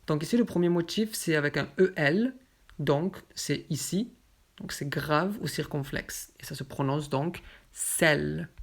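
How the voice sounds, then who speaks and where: A woman gives a pronunciation lesson in a low, deep voice. She speaks slowly and deliberately and repeats each example word with care. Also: husky. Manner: slow, deliberate, repeats example words carefully. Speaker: French teacher.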